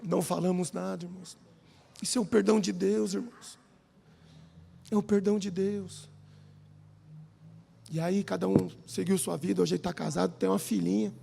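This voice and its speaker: This lively sermon comes from a Brazilian Portuguese-accented man in a church hall who shares personal stories and repeatedly addresses listeners as brothers. He speaks at normal speed in a high, gravelly voice, leaving long pauses, with slight background noise.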